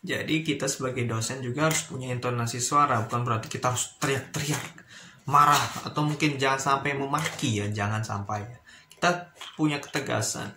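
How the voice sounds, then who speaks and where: A man's voice: medium pitch, a little fast. A man, a university lecturer, talking casually in a teaching vlog with lots of fillers. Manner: chatty, explanatory, with frequent fillers. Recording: echoey room with noise.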